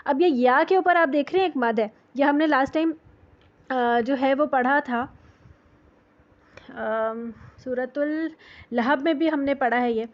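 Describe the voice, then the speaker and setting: A woman teaching Quran recitation rules, explaining patiently and repeating sounds to demonstrate them. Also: high-pitched. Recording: dull lo-fi audio.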